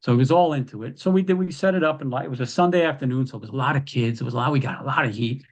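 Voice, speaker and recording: An animated man recounts wrestling tales as a podcast guest. He tells it casually, in a middle-pitched voice, and leaps into quoted lines with a raised voice. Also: rapid-fire. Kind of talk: casual storytelling.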